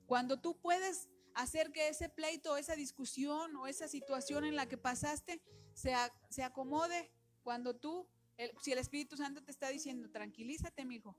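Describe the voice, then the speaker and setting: High-voiced woman preaching a sermon. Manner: earnest, exhorting, rises in volume when quoting scripture.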